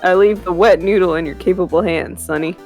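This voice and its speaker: A woman's voice: lowish voice, a little fast, a little mellow, faint music behind, close to an everyday voice. A woman voicing a grumpy, doting old Southern man who runs a shop, in an amateur game dub. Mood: relieved, rambling. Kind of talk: amateur video game dubbing.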